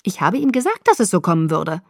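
A woman's voice: lowish voice, sing-song, quick pace, creaky, no echo, clean studio sound, full character voice. A woman voicing a stern, skeptical young woman who questions pointedly.

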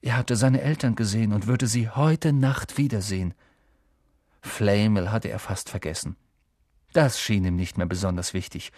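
A man narrating an audiobook in a calm, even storytelling manner. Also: fairly low pitch, normal speed, no echo, studio quality. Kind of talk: scripted narration.

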